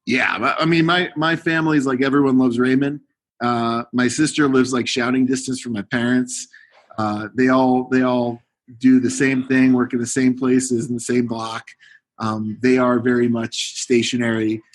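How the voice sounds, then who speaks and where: A man from Connecticut, a podcast guest who talks in a relaxed, rambling way. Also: medium pitch, normal speed. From Connecticut, USA. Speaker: guest, fitness coach. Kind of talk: podcast interview.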